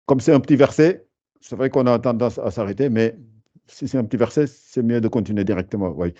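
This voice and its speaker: Man teaching tajwid, dark dull audio. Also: mid-range voice. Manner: patient, halting, many fillers, slow chanted recitation of verses. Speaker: Quran recitation teacher. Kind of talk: online tajwid class, explaining and reciting.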